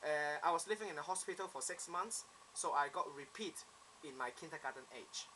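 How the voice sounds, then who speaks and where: A young man in his twenties speaks with a Hong Kong accent, telling his story in an earnest, plain way. His voice is bright and clear. A faint hiss sits under the recording. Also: fairly high pitch, brisk, rough recording. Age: 20s. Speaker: applicant. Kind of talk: self-introduction video monologue.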